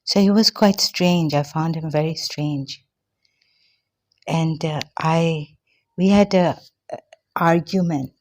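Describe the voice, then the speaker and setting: Slow, halting older woman. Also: low-pitched, darkish tone. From Pakistan. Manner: halting, many fillers and pauses. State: out of breath. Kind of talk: personal testimony monologue.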